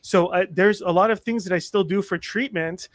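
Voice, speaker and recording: A man in his forties, a podcast guest telling personal stories in casual chat, animated and self-mocking, acting out what people said. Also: sits high, normal speed, no echo. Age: 40s. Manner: animated, self-mocking humor, acts out quotes.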